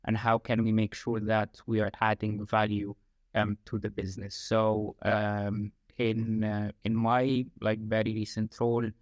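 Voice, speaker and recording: An Egyptian man, a talent acquisition lead, talks about his work as a guest in a conversational interview, using frequent fillers and repeating "like, again." His lowish voice is level and measured, with no room sound.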